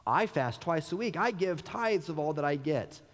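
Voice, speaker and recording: A man's voice: a little high, expressive, normal speed, lightly acted. A man acting out a self-righteous Pharisee, praying in a boastful, proclaiming way. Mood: smug. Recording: long church hall reverb.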